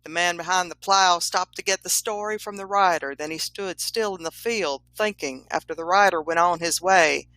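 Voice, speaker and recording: A woman narrating a comedic story in a deadpan, matter-of-fact way. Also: fairly low pitch, normal speed, hardly any pauses, no room sound, low-quality recording.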